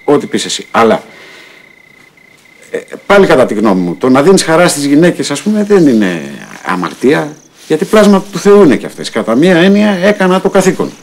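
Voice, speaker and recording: A man's voice: fairly high pitch, sing-song. An actor playing a glib male playboy debtor who theatrically pretends to have found religion. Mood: humble prayer. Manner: glib, theatrical, mock-pious. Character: smooth-talking male playboy debtor feigning piety. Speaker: actor in a TV comedy series. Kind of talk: sitcom acting.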